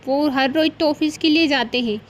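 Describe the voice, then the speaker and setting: A woman's voice: high-pitched, moderate pace, voice pushed up, lightly acted. A woman voicing a naive, obliging young daughter-in-law in a cartoon story, speaking politely.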